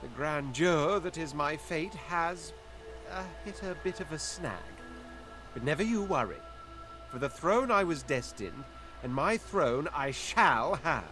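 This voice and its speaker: A grandiloquent lizard prince for a video game. He is haughty and condescending, with theatrical phrasing and a lively, swooping delivery over game music. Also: a little high, measured pace, low-quality recording. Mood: lofty, bargaining. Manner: pompous, theatrical, flowery phrasing. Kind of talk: video game character acting.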